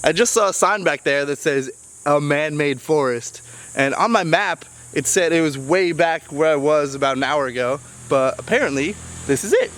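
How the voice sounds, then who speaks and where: A man's voice: on the high side, expressive, normal speed, a bit bright. A young man chatting casually to camera as he tours an island, talking straight to his viewers. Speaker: travel vlogger. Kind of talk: casual travel vlog to camera. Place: outdoors on a tropical island. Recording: outdoor camera audio with background music and crowd.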